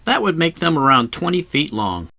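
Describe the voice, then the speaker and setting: A man's voice: fairly high pitch, big pitch swings, normal speed, creaky, pushed and bright, no echo, studio quality. A man narrating a travel video as a scripted voice-over, explaining things like an informal tour guide in a conversational way with wry asides. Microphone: close voice-over microphone, recorded separately from the cave.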